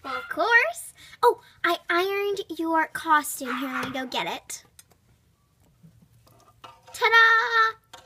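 A woman's voice: very high voice, animated, slow pace, pauses often, background noise, heavily acted. A young girl voicing a cheerful, bossy mother in improvised dollhouse play. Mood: bright, bossy.

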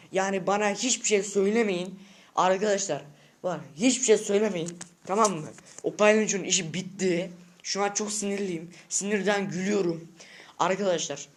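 A high-voiced male vlogger rants at his viewers from home, agitated and emphatic. He piles on slang and circles back to the same short lines over and over, talking casually and off the cuff. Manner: agitated, keeps repeating short phrases and calling out to viewers. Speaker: vlogger addressing subscribers. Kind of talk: unscripted casual vlog rant. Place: at home indoors.

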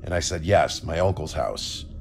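A man reading a first-person horror story as scripted narration, in a calm, steady telling. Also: a bass voice, moderate pace, creaky, faint music behind.

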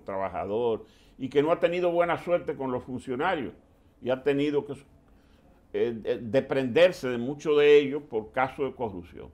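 An older man hosting political commentary in a TV studio, speaking in a measured, deliberate way. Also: mid-range voice. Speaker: TV commentary host.

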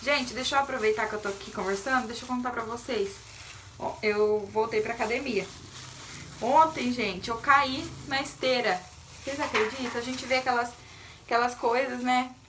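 A woman's voice: a little high, moderate pace, a bit bright, a little hiss or hum. A woman with a Brazilian accent chatting nervously to her viewers in a casual home vlog, filmed on a phone set down nearby. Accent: Brazilian Portuguese. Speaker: vlogger. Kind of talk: casual vlog chat to camera. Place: home, bathroom area. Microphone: phone camera set down nearby.

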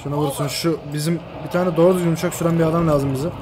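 Excitable high-voiced man commentating a game. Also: very fast, background noise. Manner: excitable, swears and shouts at teammates. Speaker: gameplay commentator. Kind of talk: live gaming commentary.

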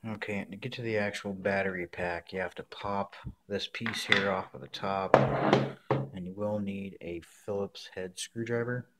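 A man with a low, steady, unhurried voice sits at an indoor table doing a hands-on review, talking to camera casually and matter-of-factly. He's a prop maker unboxing, reviewing and modifying a costume mask, with clear background noise and handling clicks audible.

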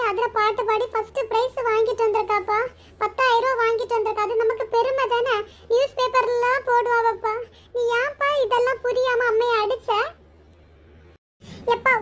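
Super high squeaky cartoon kid, worried little daughter, pleading over and over. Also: a bit bright, a little hiss or hum. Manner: pleading, repeats calls of mother. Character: young village daughter, tearful and worried. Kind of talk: cartoon voice acting.

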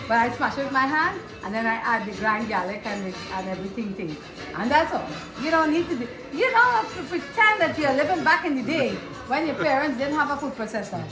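A woman's voice: high voice, very animated, a little fast. A Trinidadian woman around sixty from southern Trinidad, chatting homely and repeating herself as she shows her cooking. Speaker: home cook. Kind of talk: casual cooking demonstration. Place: home kitchen. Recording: echoey kitchen with music behind.

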